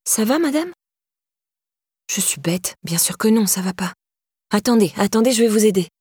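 A woman reading an audiobook voices a blunt, streetwise young woman who swears but looks after a stranger, in a raised, breathy voice. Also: medium pitch, expressive, moderate pace, a little mellow, dry recording, clean studio sound. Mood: caring. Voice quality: brash, exclaiming, swearing.

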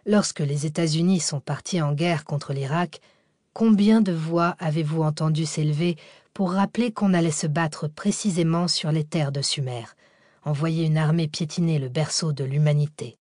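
A woman voicing a learned middle-aged male archaeology professor who speaks in a measured, lecturing way. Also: deep voice, a little mellow, no room sound, clean studio sound.

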